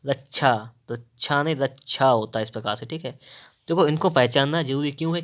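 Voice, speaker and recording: Guy teaching hindi spelling for exams, says each word twice, asks himself then answers. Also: mid-range voice. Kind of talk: exam-prep spelling lesson.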